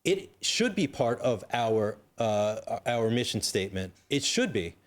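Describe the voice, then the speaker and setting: A man, a panel guest, arguing forcefully and insistently. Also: mid-range voice, very animated, a little slow. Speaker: panel guest, co-founder of an initiative. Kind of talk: panel discussion.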